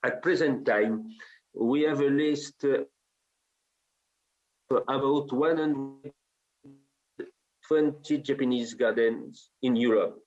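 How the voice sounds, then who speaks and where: Man, French accent, slow and halting, dull lo-fi audio, conference talk. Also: mid-range voice, darkish tone, soft background music. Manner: halting, many hesitations. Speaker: conference presenter.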